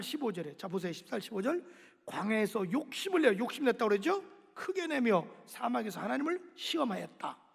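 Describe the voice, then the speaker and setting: A male pastor delivers an animated sermon and acts out scenes in voices. His voice is high with a gravelly rasp. It rings with the long echo of a church hall.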